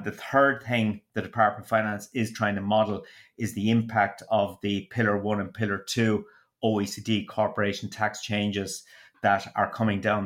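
A man explaining tax policy on a podcast in a measured, hedging way. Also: fairly low pitch, a bit bright. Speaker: economics commentator. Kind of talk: podcast discussion.

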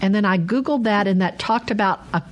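A woman's voice: mid-range voice, brisk. A woman hosting a call-in show in a conversational, chatty and courteous manner. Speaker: radio host.

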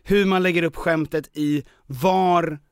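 A man hosting a podcast who walks through categories in an explaining tone, with the odd filler. His voice sits a bit high. The sound is close and dry, with no room echo. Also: steady tone, clean tone. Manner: lecturing, lists categories with fillers. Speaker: podcast host. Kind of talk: casual explanatory chat.

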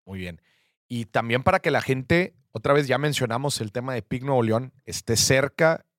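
A man hosting a podcast, friendly and upbeat, tossing in casual slang as he asks his questions. His voice has an everyday middle pitch and comes through dry and close, with no room around it. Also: normal speed, fairly bright tone, dry recording. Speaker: podcast host. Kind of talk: conversational podcast interview.

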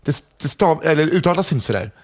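A man chatting casually on a podcast, animated and full of hesitant fillers. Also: a little high. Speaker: voice-over artist and podcast co-host. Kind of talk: casual chat.

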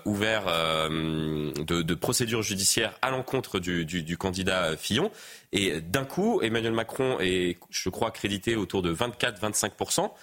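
A man commenting on politics in a talk show debate, halting and full of hesitations as he explains at length. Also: fairly low pitch, a bit bright.

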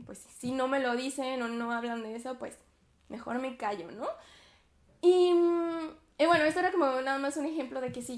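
A woman in her twenties hosts a podcast with a casual, reflective monologue. Her slightly high voice sounds reverberant, and she's chatty, using many fillers and self-conscious little laughs.

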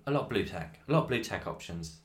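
A man chatting casually as a hobby podcast co-host, recorded in the echoey hallway of a flat. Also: fairly low pitch, quick pace.

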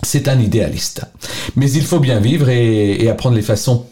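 A man co-hosting a casual podcast, chatty and friendly, often pausing with fillers. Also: mid-range voice, mellow. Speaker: podcast co-host.

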